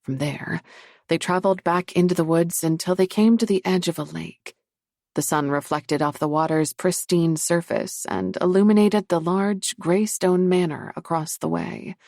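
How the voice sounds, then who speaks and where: A woman narrating a paranormal romance audiobook in a measured, steady reading. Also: on the low side, gravelly, dry recording, clean studio sound. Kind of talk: scripted narration.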